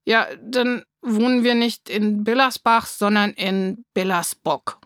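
A woman voicing a patient, loving father who reasons with his daughter in a gently firm, coaxing way, in a storybook reading. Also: mid-range voice, fairly even intonation, slow pace, no echo, clean studio sound.

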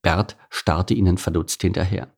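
A man narrating a children's animal story, expressive and playful. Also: sits low, moderate pace, slightly rough. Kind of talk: storybook reading.

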